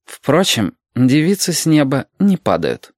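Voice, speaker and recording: A man voicing a calm, ironic young inspector. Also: a little high, measured pace, dry recording, studio quality, pitched above the performer's own voice. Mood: stern. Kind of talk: audiobook character voice.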